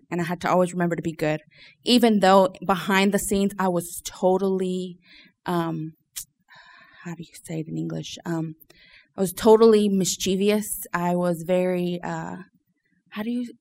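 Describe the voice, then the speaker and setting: Low-pitched woman sharing a personal testimony. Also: steady tone, normal speed, vocal fry. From Louisiana, United States. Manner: hesitant, searching for words. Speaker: church member giving testimony. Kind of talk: informal personal testimony to a group.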